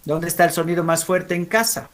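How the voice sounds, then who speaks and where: A man's voice: on the high side, fairly even intonation, fairly bright tone. A man with a Bolivian Spanish accent teaching a language class, often asking students questions and checking they follow along. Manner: keeps checking understanding with quick tag questions; asks students questions and calls on them. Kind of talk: classroom lesson.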